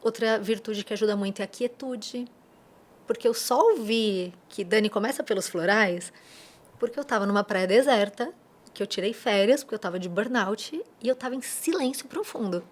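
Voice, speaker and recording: Brazilian woman, mid pitch, podcast guest, explains in a teacherly way with playful asides. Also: moderate pace. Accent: Brazilian Portuguese. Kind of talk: interview answers.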